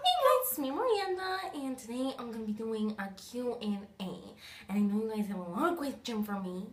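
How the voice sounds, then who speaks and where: A woman's voice: medium pitch, brisk, recorded from a distance, lightly acted. A young woman putting on a comedic impression voice as an exaggerated, self-assured internet singer character, theatrical and swooping. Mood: showy, self-important. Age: young adult. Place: small indoor study room. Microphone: phone camera at a distance. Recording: echoey small room, noisy phone recording.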